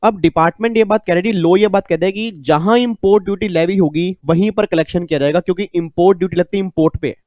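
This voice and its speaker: A man's voice: high-pitched, fast talker, hardly any pauses, a little mellow, no echo. A man teaching an exam-prep lecture in a chatty way, repeating key points and mixing in English terms. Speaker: tax tutor.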